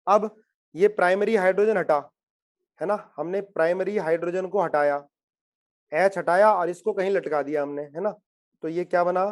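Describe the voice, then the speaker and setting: A man's voice: high voice, fairly even intonation, moderate pace. Coaxing man teaching a chemistry class. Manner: coaxing, repeats questions to students. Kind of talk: classroom lecture.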